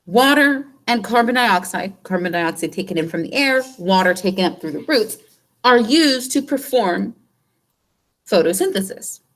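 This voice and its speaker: A woman's voice: mid-range voice, lively intonation, normal speed, fairly bright tone. A woman biology teacher giving an exam review lesson. She explains step by step, asks rhetorical questions and patiently repeats the key points.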